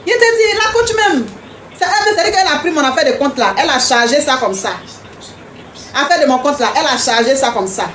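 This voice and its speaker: A woman's voice: high voice, animated, fast talker, a bit bright, echoey room, slight background noise. A woman hosting a live stream, chatting casually and teasingly with viewers, repeating herself often. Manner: repetitive, teasing, talks straight to commenters.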